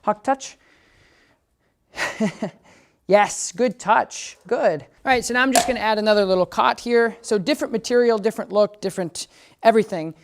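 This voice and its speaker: A man working as a dog trainer, casually explaining his method to viewers and breaking into high, upbeat praise and commands for the dog. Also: moderate pace, long pauses, noisy background. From United States. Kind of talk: instructional training demo. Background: background music.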